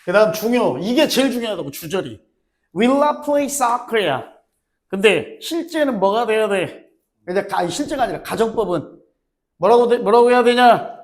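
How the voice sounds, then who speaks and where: Animated male teacher teasing his class. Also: sits high, normal speed. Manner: teasing, animated, banters with students. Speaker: high school English teacher. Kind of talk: classroom lecture.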